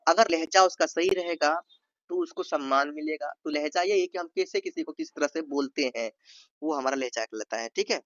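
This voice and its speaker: A man with a slightly high voice teaches an exam-prep lesson, repeating each point and acting out sample sentences in different tones. The recording is dry, with no room sound. It is also a little dull and muffled. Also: moderate pace, a bit bright, no room sound. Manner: repeats points, says "ठीक है" often, acts out sample tones. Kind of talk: explanatory Hindi lesson.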